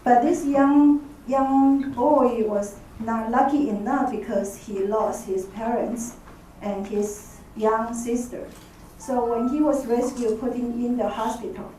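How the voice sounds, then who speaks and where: A professor with a Taiwanese accent gives a semi-spontaneous academic conference presentation, hesitating and repeating phrases as she searches for words. Her voice is fairly high yet dark, steady and slow. The echoey conference room is captured by a distant mic with faint noise.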